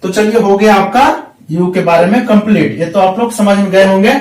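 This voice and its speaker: A man with a high voice teaches a spoken English lesson, drilling short phrases over and over and slowing right down on the example sentences. He sits back from the mic in an echoey room. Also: a little mellow, distant mic. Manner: repetitive drilling, slow deliberate example sentences.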